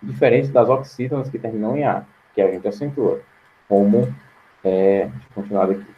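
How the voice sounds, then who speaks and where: A man's voice: on the low side, a little hiss or hum. Patient Brazilian male teacher, muffled. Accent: Brazilian Portuguese. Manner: patient, explains slowly and repeats words. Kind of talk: online grammar lesson.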